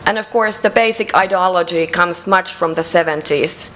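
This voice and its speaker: A woman with a Finnish accent presents at a conference in a measured way, pausing often on fillers. Her voice sits a little low for a woman. A faint ambient hiss is heard behind her. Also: fairly bright tone, poor audio. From Finland. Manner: measured, with frequent hesitations and fillers. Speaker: conference speaker. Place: conference hall.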